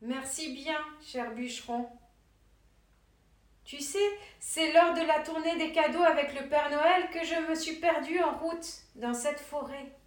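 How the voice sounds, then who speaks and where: A tiny, friendly dwarf with a perky voice chirps his lines in a storybook tale, as a woman reader puts him on. The voice sits high and is heard from off the mic in an echoey room. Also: a little slow, far from the mic. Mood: grateful. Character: tiny hungry male dwarf, friendly and generous.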